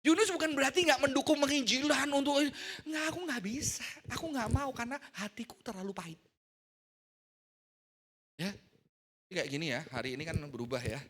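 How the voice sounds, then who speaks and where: A man's voice: very high-pitched, lively intonation, fairly quick, long pauses, a bit bright, slightly rough. A middle-aged man preaching a casual, joking sermon to a youth service, mixing in English words.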